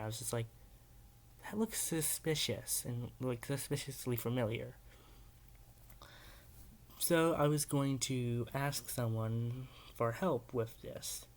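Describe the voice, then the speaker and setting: A man hosting a casual video reaction, rambling and hesitant, with many filler words. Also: medium pitch. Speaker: YouTube reaction host.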